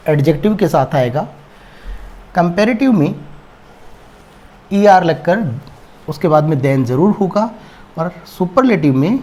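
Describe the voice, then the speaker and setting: A man teaching English grammar in a classroom-style lesson, slowly dictating word forms. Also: high voice, mellow.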